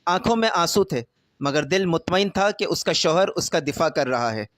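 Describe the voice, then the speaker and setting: Male narrator for a romance story; high pitch, dry studio sound, steady read. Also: no echo.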